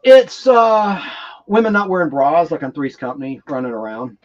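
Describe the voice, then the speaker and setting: Higher-voiced geeky man, dull lo-fi audio. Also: big pitch swings, normal speed. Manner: enthusiastic, geeky, digressive. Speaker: host of a nostalgic TV trivia live stream. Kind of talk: rambling casual live-stream chat.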